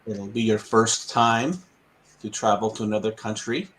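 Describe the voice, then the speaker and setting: A man's voice: lowish voice, little pitch movement, normal speed, fairly bright tone, a little hiss or hum. A man from the United States, tutoring English in casual conversation practice. He repeats the student's answers back patiently and chuckles often.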